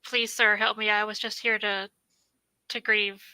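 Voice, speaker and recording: A woman voicing a frightened young woman slowly pleading for help in a tabletop game. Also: medium pitch, little pitch movement, bright, forceful tone, clear, resonant tone, no echo, rough recording.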